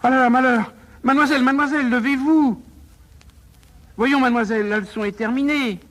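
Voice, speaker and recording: A man's voice: high voice, slow pace, fairly bright tone, pitched above the performer's own voice. A man reading a play aloud, voicing a pedantic old professor who drills his pupil over and over and turns menacing. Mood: panicked. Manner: insistent, repetitive drilling, rising to panic. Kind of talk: dramatic stage reading.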